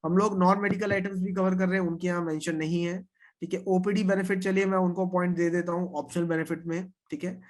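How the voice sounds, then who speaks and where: A man's voice: sits high, little pitch movement, brisk. A man leading an insurance training session, explaining policy points with confidence and often checking that everyone follows. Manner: confident, repeats 'theek hai' to check understanding.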